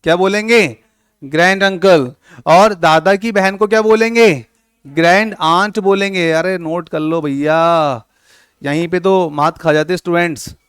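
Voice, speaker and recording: A man's voice: high voice, measured pace, fairly bright tone, smooth, no echo, clean studio sound. A man teaching a coaching class, teasing his students and acting out little scenes as he explains. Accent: Hindi-English mixing, Rajasthan. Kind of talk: classroom lecture.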